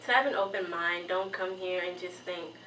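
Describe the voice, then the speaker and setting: A woman's voice: on the low side, normal speed, bright, forceful tone, slight background noise. A young woman from Houston, a student giving plainspoken interview answers indoors. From Houston, Texas. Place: indoor room by a window. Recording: roomy, distant mic.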